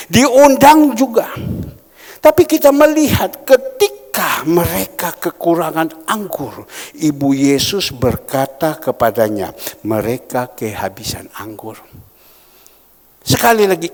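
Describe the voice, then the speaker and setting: Male pastor, gravelly, preaches emphatically with loud-to-whisper swings in a reverberant hall. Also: extremely high pitch. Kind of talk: sermon. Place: church hall.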